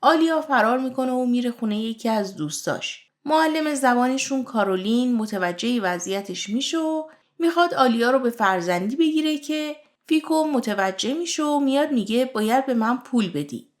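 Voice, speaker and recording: A woman host narrating a recap of a drama series in a brisk, scripted plot-summary manner. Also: high-pitched, lively intonation. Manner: brisk plot summary, reading characters' lines aloud.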